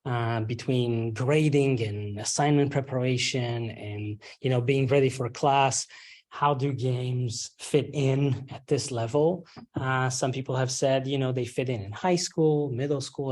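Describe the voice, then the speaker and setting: A man in his thirties from Romania, giving a workshop presentation to faculty in a halting way, with frequent ums and a habit of asking "right?". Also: medium pitch, darkish tone. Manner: halting, many ums and uhs, tags rhetorical questions with "right?". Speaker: university lecturer leading a faculty workshop.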